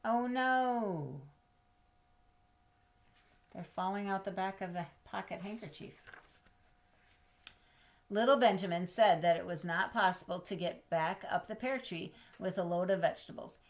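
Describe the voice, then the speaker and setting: Using a mid-range voice, a woman reads a children's storybook expressively. She draws out words, pauses dramatically, and asks her young listeners questions.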